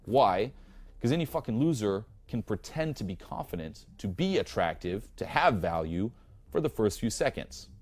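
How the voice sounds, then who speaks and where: A man's voice: lowish voice, big pitch swings, normal speed, darkish tone. A young man coaching on dating in a blunt, profane monologue, peppered with "you know" and "okay". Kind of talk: instructional monologue.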